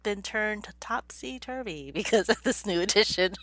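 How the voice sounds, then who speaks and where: A woman's voice: medium pitch, expressive, unhurried, a bit bright, dry recording. A middle-aged woman co-hosting a casual podcast from her home, a little stuffy-nosed, easygoing and giggly. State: stuffy nose. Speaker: podcast co-host. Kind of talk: casual chat.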